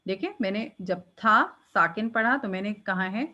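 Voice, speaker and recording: A woman teaching Quranic recitation rules, explaining patiently and demonstrating each letter with a drawn-out, breathy release. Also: mid-range voice, bright, forceful tone, muffled recording. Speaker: tajweed teacher. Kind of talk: step-by-step recitation lesson.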